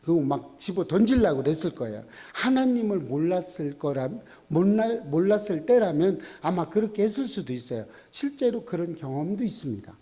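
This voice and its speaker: A man's voice: high-pitched, sing-song, a little fast, hardly any pauses, mellow. A middle-aged man, a pastor, preaching at a Friday prayer meeting in a folksy way with joking asides.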